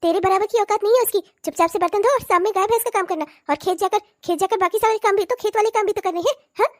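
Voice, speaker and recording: A cartoon stepmother, voiced by a woman, scolds and curses at a rapid clip. Her voice sits very high and shrill, with a nagging edge. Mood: scolding. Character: harsh scolding stepmother, middle-aged woman. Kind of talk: cartoon voice acting.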